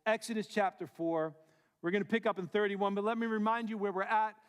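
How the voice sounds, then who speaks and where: A man preaching a sermon as pastor, telling a scripture story with lively acted-out dialogue. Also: high-pitched, brisk, clean tone, big-room sound. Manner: animated storytelling, acting out voices and quoting scripture. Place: church sanctuary.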